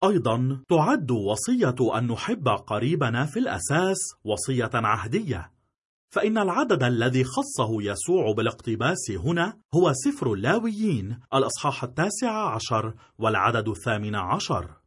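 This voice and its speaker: A man narrates a scripted theology lesson at a measured, formal pace. His voice is husky, and his pitch rises and falls with a lot of life. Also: big pitch swings. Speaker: lecturer narrating a theology course.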